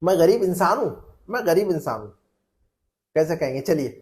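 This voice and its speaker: A man's voice: on the high side, animated, normal speed. A male Arabic teacher running a spoken drill, patiently repeating phrases and prompting students by name. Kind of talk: classroom language drill.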